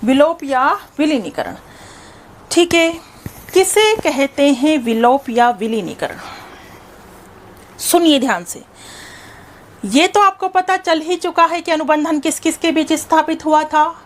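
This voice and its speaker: Her voice sits high and animated over a slight hiss or hum as she teaches psychology, quizzing students and answering on their behalf. She then goes over a definition again and again, slowing down and stressing the important words.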